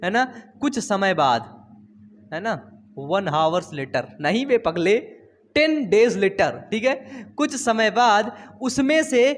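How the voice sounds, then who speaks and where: A man's voice: high voice, expressive, takes it slowly. A young man teaching biology in a casual online lesson, chatty and teasing, repeating phrases. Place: home studio.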